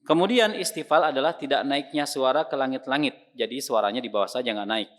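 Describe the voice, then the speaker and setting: A man's voice: medium pitch, fast. Man teaching Quran pronunciation. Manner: patient, demonstrates sounds by repeating them loudly. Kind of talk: online tajwid lesson.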